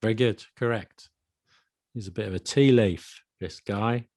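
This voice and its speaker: A man's voice: lowish voice, a little slow, darkish tone, no room sound. A man co-hosting a casual podcast chat, quizzing his co-host on slang in a playful, dry manner.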